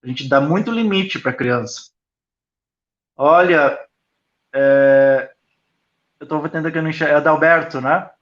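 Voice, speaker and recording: A man, a school founder, answering interview questions in a reflective, explanatory way with frequent pauses. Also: on the high side, a bit bright. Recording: echoey, dull lo-fi video call audio.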